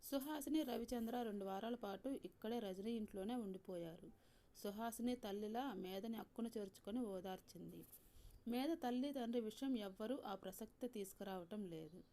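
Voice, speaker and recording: Female storyteller, Telugu accent, measured scripted reading, dark mellow voice, middle pitch. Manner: calm, measured reading with soft voiced dialogue.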